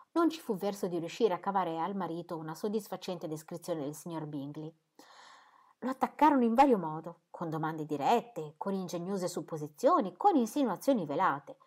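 Calm woman reading a novel. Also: lowish voice. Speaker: audiobook reader. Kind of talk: literary audiobook narration.

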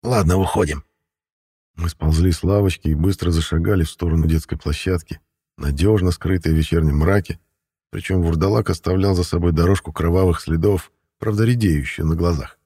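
Deep, husky male audiobook narrator. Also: steady tone, brisk, dark tone. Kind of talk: first-person audiobook narration.

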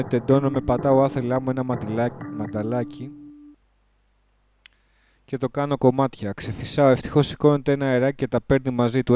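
A man's voice: medium pitch, dark tone, clean tone, no echo. A man reading his own surreal first-person story in a casual, slangy way, stopping to correct his lines. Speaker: performer recording a spoken piece.

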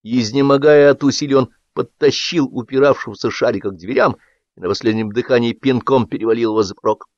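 A man narrating a satirical story in an expressive, lively reading. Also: medium pitch, fast, dry recording. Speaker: audiobook narrator. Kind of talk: scripted narration. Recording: dull dry audiobook recording.

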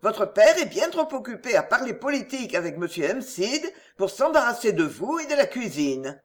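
A reader voicing a slow-witted old woman cook who grumbles under her breath, in an audiobook. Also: mid-range voice, sing-song, lightly acted. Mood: grumbling. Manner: grumbling, muttering.

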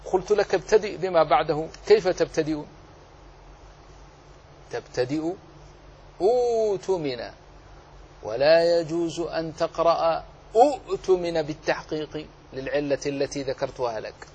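A man's voice: a little high, a little mellow, slightly rough. Man teaching Quran recitation rules. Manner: explains slowly, asks and answers his own questions; draws out example words. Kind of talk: tajweed lesson.

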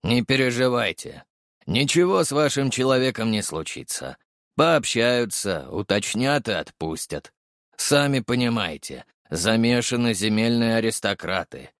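A man's voice: medium pitch, animated, unhurried, fairly bright tone, no echo, studio quality. A man doing a wry, jaded police captain. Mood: matter-of-fact. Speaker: audiobook narrator voicing a character.

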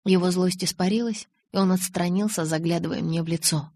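A woman narrating an audiobook in an expressive storytelling manner, close to the mic. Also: lowish voice, brisk, dry recording.

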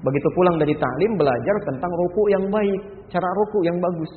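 A man delivers a sermon at a quick clip, his voice sitting a bit high. He acts out the people in his stories and grows louder and higher on key points. The sound is tinny and phone-like, with a long echo from a large hall. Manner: storytelling, acting out voices of mother and child; rises in pitch and volume when stressing points. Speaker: preacher. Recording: echoey hall over a lo-fi, phone-like line.

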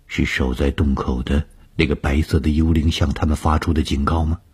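Very deep husky male storyteller. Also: steady tone. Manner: slow, drops to hushed whispers for suspense. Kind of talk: radio storytelling.

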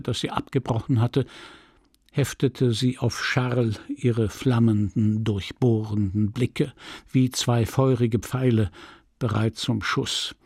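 Gravelly husky guy reading a classic novel, mid pitch, dry close sound. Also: no echo. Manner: measured, expressive storytelling. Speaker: audiobook reader. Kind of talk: literary audiobook reading.

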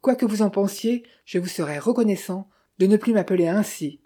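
A woman's voice: medium pitch, animated, moderate pace, warm tone, slightly rough. A woman voicing a tense young man posing as a detective, speaking curtly in a storybook reading. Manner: curt, clipped, through clenched teeth.

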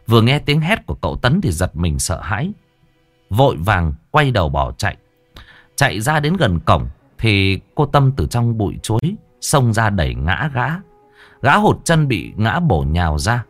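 Low dramatic male ghost story narrator. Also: normal speed, dry recording. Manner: dramatic, expressive pacing. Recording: dry close voice over faint music.

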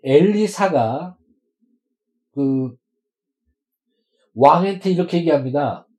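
A man's voice: a little high, animated, slow, darkish tone, rough recording. A male pastor preaching a sermon to his congregation, emphatic and stretching words out for stress.

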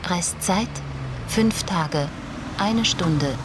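In a radio crime drama, an actress gives the detached female voice of an auction website, formally reading out clipped data in a scripted announcement. Her voice is fairly low and very slow, with a noisy background.

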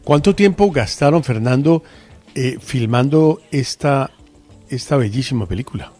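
A man hosting a radio interview, speaking effusively and admiringly with drawn-out phrasing. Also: mid-range voice, animated, darkish tone, faint music behind.

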